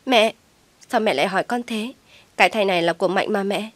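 A woman's voice: medium pitch, brisk, no echo, close to an everyday voice. A woman voicing a stubborn young daughter who pleads tearfully with her mother, recorded dry and close. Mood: defensive.

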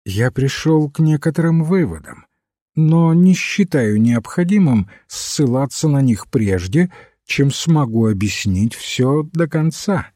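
A man reading the part of a small, calm male priest who speaks politely. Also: medium pitch, slow pace, no room sound, studio quality.

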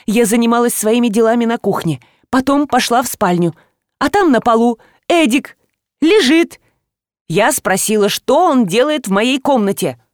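A woman voicing a panicky, hysterical homeowner in an audiobook, shrill, excitable and indignant. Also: normal speed, no room sound, clean studio sound, natural voice. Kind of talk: audiobook reading.

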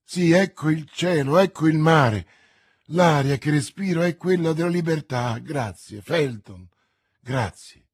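A man's voice: mid-range voice, expressive, measured pace, breathy edge, dry recording, studio quality. A man voicing a cunning noblewoman in an audiobook reading, her speech urgent and pleading. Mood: relieved. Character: cunning noblewoman, a scheming escaped prisoner.

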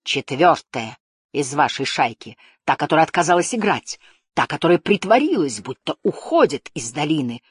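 A woman's voice: sits low, big pitch swings, moderate pace, husky, no echo, clean studio sound, heavily acted. A woman reading the part of a cold, scheming old male guardian who drawls and hisses his words. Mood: sneering. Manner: hissing, drawling, menacing.

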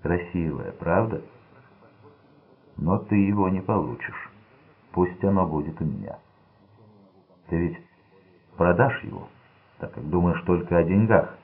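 A man voicing an unstable young gangster son who speaks in a slow, sulky, menacing way. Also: deep voice, animated, husky, exaggerated voice. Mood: sullen. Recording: tinny lo-fi narrow-band audio.

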